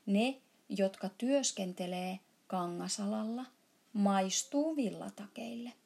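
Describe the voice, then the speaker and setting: A woman voicing a big, friendly, muddled male giant who mangles his grammar and shouts now and then in a storybook reading. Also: creaky. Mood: booming muddled. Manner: jumbled grammar, booming shouts.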